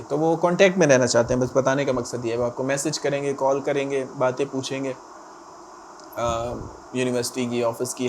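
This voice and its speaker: A man at an ordinary mid pitch talks his viewers through relationship advice, leaning hard on each point and checking in with quick asides. A faint noise sits under the voice. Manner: emphatic, repeats "theek hai" as a check-in. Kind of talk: direct-to-camera advice talk.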